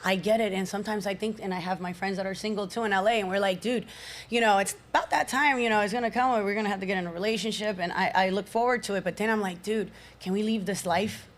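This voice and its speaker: A woman in her thirties talking on a podcast panel, animated and casual, dropping slang like "dude". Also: medium pitch, fast. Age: 30s. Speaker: panel guest.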